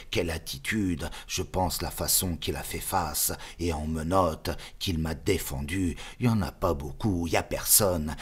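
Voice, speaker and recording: A man giving an expressive, dramatic audiobook reading of a novel. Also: low-pitched, husky. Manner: expressive, spoken cadence. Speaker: audiobook reader.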